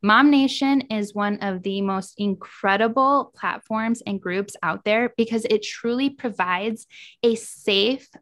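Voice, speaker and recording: A woman's voice: medium pitch, unhurried, fairly bright tone. A woman talking as a guest on a podcast, speaking in an earnest, heartfelt way in casual chat.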